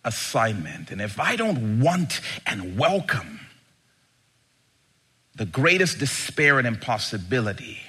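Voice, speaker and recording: A man with a medium-pitched, slightly rough and sharp voice delivers a passionate sermon like a rally speech. He speaks slowly, firing off emphatic rhetorical questions and swinging dramatically between restraint and full force.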